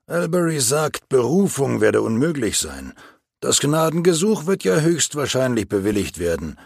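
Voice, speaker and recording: A man voicing a gray-haired senior law partner, husky and matter-of-fact. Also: mid-range voice, very animated, normal speed, no room sound, studio quality, pitched above the performer's own voice, exaggerated voice.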